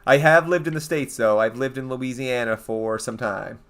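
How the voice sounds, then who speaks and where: This eastern Canadian game streamer talks at a moderate pace in a middling, slightly bright, easygoing voice. He chats loosely through his livestream, rambling and reading out viewer messages to answer them.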